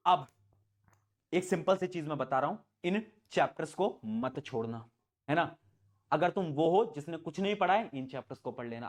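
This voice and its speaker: A young man tutoring students online, giving a motivational exam-prep talk that speaks straight to them and repeats his points. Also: on the high side. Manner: pep-talk, addresses students directly, repeats phrases. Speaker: online tutor for board exams. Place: indoor room, standing before camera.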